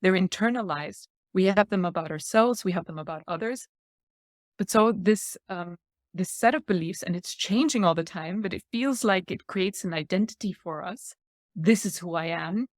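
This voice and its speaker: A fairly low-pitched woman speaking at normal speed, in a dry, clean studio recording. As a guest on a reflective podcast, this Thailand-raised woman in her forties lays out her thoughts earnestly, punctuated by light laughter.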